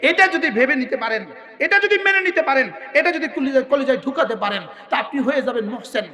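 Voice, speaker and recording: A man preaching an impassioned sermon, repeating phrases for emphasis and chanting Arabic verses slowly. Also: very high voice, animated, bright, forceful tone. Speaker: Islamic preacher. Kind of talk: waz sermon. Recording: echoey hall.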